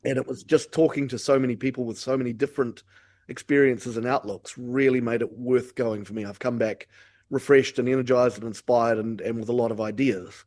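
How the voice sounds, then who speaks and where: A man's voice: mid-range voice, fairly even intonation, brisk, darkish tone. A man with a New Zealand accent, talking candidly and reflectively as a guest in a casual podcast discussion.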